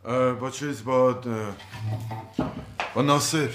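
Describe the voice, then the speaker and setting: An actor playing a flustered sitcom doctor. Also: male voice, medium pitch, fairly even intonation, natural voice. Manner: defensive, pleading, lectures when cornered. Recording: roomy set with faint noise.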